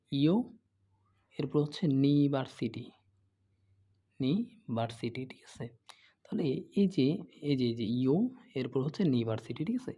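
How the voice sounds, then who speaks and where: A man with a mellow, mid-range voice gives a patient English grammar lesson, asking questions and then answering them himself. He repeats his examples and checks "okay?" again and again.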